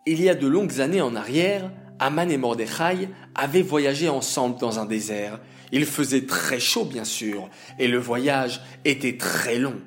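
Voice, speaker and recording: A man narrating a story for children, expressive and addressing the listeners directly. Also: mid-range voice, a little slow, few pauses, faint music behind.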